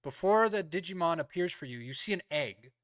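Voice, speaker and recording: A man's voice: fairly high pitch, expressive, fairly quick, a bit bright, no room sound. A man acting as game master, narrating a tabletop game casually and improvising in a hesitant way.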